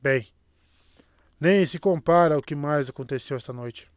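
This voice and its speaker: A man reading the lines of an angry warrior in a gruff, grumbling way. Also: a little high, a little slow, dry recording, clean studio sound, close to an everyday voice.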